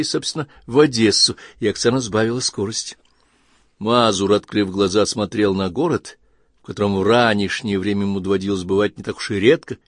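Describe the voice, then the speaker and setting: Male audiobook narrator, low voice, wry and even, dry close mic. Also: dry recording.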